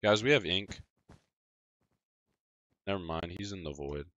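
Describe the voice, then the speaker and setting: A man streaming a game live, chatting casually with viewers and reacting excitably to the action. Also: low-pitched, unhurried, dry recording, muffled recording. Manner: excitable, chatty, talking to chat while playing.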